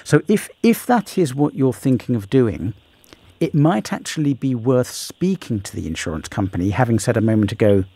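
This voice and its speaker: A man hosting a radio legal phone-in, giving a caller careful, sympathetic advice in a halting way. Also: medium pitch, lively intonation, mellow, husky. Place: radio studio.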